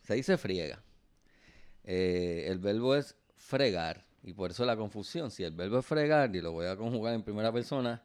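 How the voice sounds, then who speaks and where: A man's voice: fairly low pitch, expressive, moderate pace, a little mellow, smooth. A man co-hosting a podcast. He explains grammar in a teacherly way, working through examples step by step. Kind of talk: casual educational chat.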